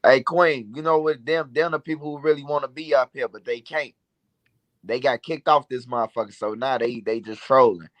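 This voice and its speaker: A man hosts a casual livestream in an average-pitched voice. The sound is very dry, with no room around it. He talks in loose, slangy street speech, full of swearing, like someone swapping stories. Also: steady tone, normal speed, fairly bright tone, no echo. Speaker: livestream host. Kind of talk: casual livestream chat and storytelling.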